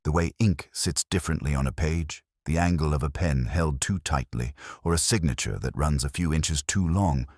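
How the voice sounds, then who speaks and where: A man voicing Sherlock Holmes, a precise, coolly logical detective who speaks in a measured, formal and certain way. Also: extremely low pitch, darkish tone, dry recording, clean studio sound. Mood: measured, stern.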